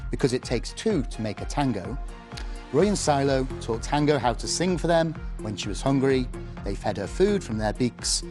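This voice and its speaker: A man who is a primary head teacher speaks to an audience in a television studio, explaining and teaching in a simple, instructive classroom manner and reading from a storybook. His voice is mid-range and a little mellow.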